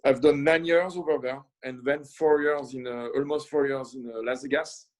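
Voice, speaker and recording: Being interviewed casually as a guest, a chef from France, middle-aged and French-accented, looks back on his career. He halts often, restarting sentences and leaning on fillers, and his mid-range voice keeps a fairly even intonation.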